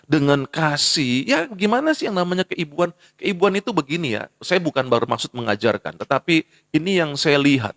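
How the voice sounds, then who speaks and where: Animated gravelly-voiced male preacher. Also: a little high, no room sound, studio quality. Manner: animated preaching, acts out quoted mothers and children. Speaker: pastor. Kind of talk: sermon. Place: live social media broadcast.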